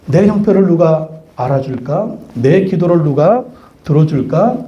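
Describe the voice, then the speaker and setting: A woman's voice: deep voice, expressive, a little slow, roomy sound, lo-fi sound. A male pastor voicing a desperate pregnant servant woman, plaintive and pleading. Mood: wondering.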